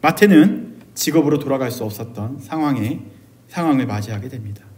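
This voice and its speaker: A man pastor preaching a sermon, shifting between loud emotional cries and quiet, hushed phrases. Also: mid-range voice, lively intonation, fairly quick.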